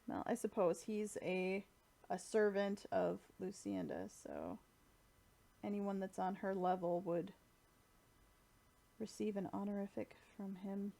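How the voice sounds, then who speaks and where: A woman's voice: medium pitch, gravelly, warm tone. A woman streaming a game playthrough, reading and translating dialogue in a casual, thinking-aloud way with fillers. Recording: faint game music behind.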